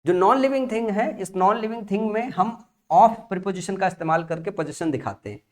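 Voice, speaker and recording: A man's voice: high voice, brisk. A man teaching English grammar in a classroom-style lesson, repeating key points and asking and answering his own questions.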